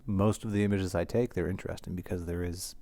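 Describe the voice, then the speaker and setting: Low-voiced man explaining astrophotography. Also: steady tone, fast talker, dark tone, no echo. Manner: plain, earnest, explaining. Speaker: astrophotographer guest. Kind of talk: interview answers.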